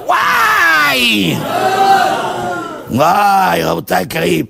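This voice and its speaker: A man preaching with a gravelly edge, his voice leaping from low asides to piercing high yells. He sounds roomy and echoey, as if he is in a hall. Loud music plays over him the whole time. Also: huge pitch swings, over a noisy crowd, very noisy. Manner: shouting, swinging from low mutters to high yells. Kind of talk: fiery sermon to an audience.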